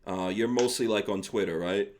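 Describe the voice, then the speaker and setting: A man's voice: on the low side, moderate pace, a little hiss or hum. A man from Guyana hosting a podcast in casual conversation, rambling with restarts and laughing easily. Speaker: podcast host.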